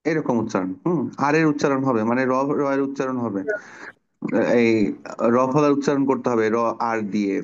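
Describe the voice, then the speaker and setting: In an online children's class, a male Bangla teacher breaks pronunciation down step by step with patience, asking the pupils questions as he goes. He speaks at a medium pitch and a moderate pace over dull audio.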